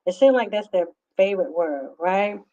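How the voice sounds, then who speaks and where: A woman's voice: mid-range voice, animated, normal speed, dark tone. A woman counselor giving earnest advice, talking with many fillers and restarts. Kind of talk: advice talk to camera. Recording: slightly dull lo-fi sound.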